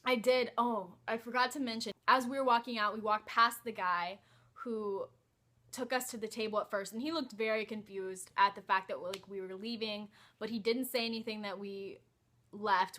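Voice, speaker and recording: A woman's voice: mid-range voice, sharp tone. A young woman telling a personal story in a casual vlog, hesitant and full of "like" and "um". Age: young adult. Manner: hesitant, many "like" and "um" fillers. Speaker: vlogger.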